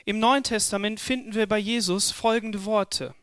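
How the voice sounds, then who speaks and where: A male preacher delivering a sermon with a high, smooth, resonant voice. He talks slowly and with emphasis, doubling words to drive each point home. The sound is dry, with no room echo. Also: fairly even intonation, a bit bright. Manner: slow, emphatic, repeats words for stress.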